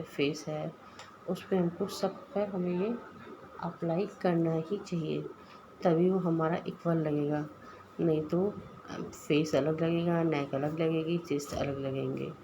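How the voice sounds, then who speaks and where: A woman's voice: fairly low pitch, gravelly, dull audio. Hindi-speaking woman, noisy tutorial voice-over. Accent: Indian Hindi. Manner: explanatory, addresses viewers as guys. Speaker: makeup artist. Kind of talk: step-by-step makeup tutorial voice-over.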